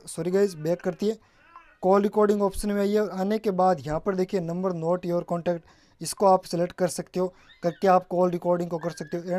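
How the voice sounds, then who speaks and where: This man's voice is high-pitched and mellow. He guides viewers through a casual tech tutorial step by step, calling them guys a lot and sprinkling in English terms.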